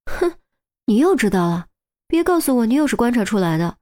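A woman voicing a young, impatient female police detective who is sharp and suspicious. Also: fairly high pitch, big pitch swings, fairly quick. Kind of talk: audiobook character voice.

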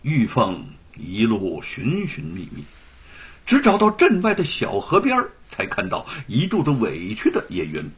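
A man narrating a serialized story in an expressive, dramatic storytelling manner. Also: medium pitch, unhurried, slightly rough. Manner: expressive, swings between loud and hushed.

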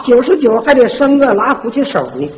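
A performer playing a sharp-tongued, bossy older village godmother in a comic folk stage duet, with a Northeastern Mandarin accent and a brash, scolding, gossipy way of telling stories. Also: high voice, a little fast, close to an everyday voice. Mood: scolding gossip. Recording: echoey stage, dull lo-fi sound, faint hiss.

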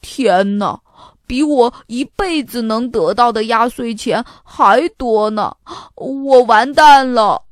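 A woman reading a storybook aloud and voicing an anxious young boy who pleads and hesitates with drawn-out fillers. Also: medium pitch, expressive, no room sound, studio quality. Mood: worried. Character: young schoolboy, anxious and sheepish.

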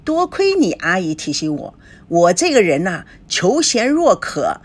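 A woman voicing a hearty, boastful middle-aged male company chairman who praises loudly. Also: fairly low pitch, sing-song, a little slow. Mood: jovial. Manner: loud, jovial, showy praise.

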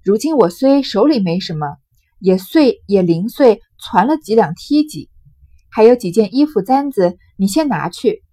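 A woman voicing a resentful scheming concubine, husky and pleading. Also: mid-range voice, animated, moderate pace, mellow, no room sound, natural voice. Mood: urgent. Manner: pleading, urgent, persuading.

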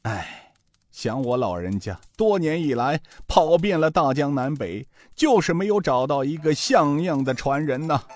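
A man's voice: a little high, lively intonation, a little slow, a little mellow. A man voicing a whiny old master thief. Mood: admiring. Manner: wheedling, pleading whine.

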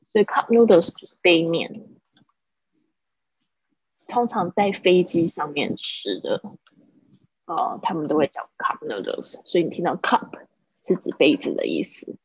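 A woman teaching English vocabulary on a livestream, explaining patiently and drilling pronunciation slowly. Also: on the low side, expressive, husky, dry recording. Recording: dull, lo-fi livestream audio.

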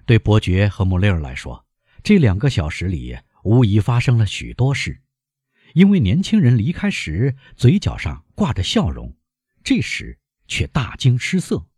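A man narrating a novel in an expressive, dramatic reading. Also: lowish voice, normal speed, slightly rough, no echo, clean studio sound. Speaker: audiobook narrator.

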